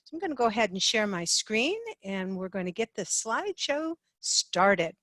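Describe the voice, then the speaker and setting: A woman teaching a slideshow lesson on sales, lively and expressive, sweeping her voice up and down to show inflection. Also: mid-range voice, moderate pace, no echo. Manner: lively, sings phrases up and down to demonstrate inflection. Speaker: sales trainer.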